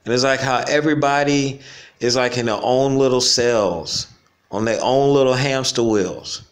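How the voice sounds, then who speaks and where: A laid-back man thinking aloud to his viewers, his talk loose and full of slang. He drifts from point to point in a reflective, rambling monologue, breaking into easy chuckles now and then. His pitch sits in an ordinary middle range for a man. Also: moderate pace. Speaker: vlogger. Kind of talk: casual stream-of-consciousness monologue. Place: home in the Caribbean.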